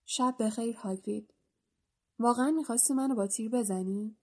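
A woman's voice: on the high side, close to an everyday voice. A woman doing a sorrowful centaur. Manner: slow, sighing, quiet and cryptic. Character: sad, solemn male centaur, mystic stargazer. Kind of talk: audiobook character voice.

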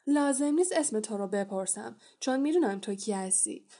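A woman's voice: fairly high pitch, animated, warm tone. A woman voicing a haughty, sneering pale schoolboy wizard in an audiobook reading, with a taunting manner.

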